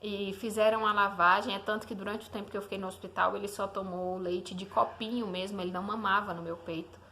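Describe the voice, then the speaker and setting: A woman's voice: mid-range voice, a bit bright. A young woman, a mother, telling the story of her newborn son as a casual faith testimony, talking to the listener and often asking "né?". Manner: conversational, often asks the listener "né?".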